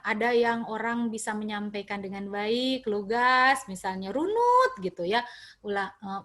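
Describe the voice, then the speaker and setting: A woman lecturer with a Sundanese accent teaches a class in a lively way. She keeps putting questions to her students and mixes Sundanese and English words into her talk. Her voice sits high.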